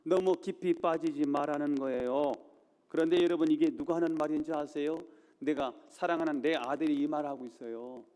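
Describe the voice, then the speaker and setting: Male pastor, sermon delivery, emphatic and repetitive, fairly high pitch, long church-hall reverb. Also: fairly even intonation, moderate pace, warm tone. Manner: emphatic preaching with repeated phrases and rhetorical questions. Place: church sanctuary.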